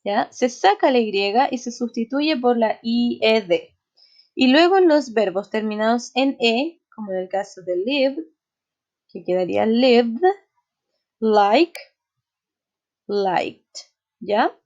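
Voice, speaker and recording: A woman teacher walks through a grammar lesson at an unhurried pace, checking in with a quick question after each point. Her voice sits a little high. The recording sounds slightly dull and lo-fi. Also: lively intonation, a little mellow. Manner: explains step by step, often checks with "¿ya?". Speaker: English teacher.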